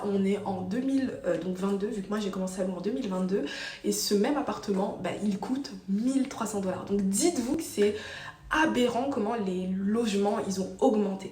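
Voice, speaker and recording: Speaking to her channel in a relaxed way, an Ivorian vlogger relates her story, explaining with plenty of fillers and false starts. Her mid-range voice is a little mellow, and the echoey room leaves her sounding slightly far from the microphone.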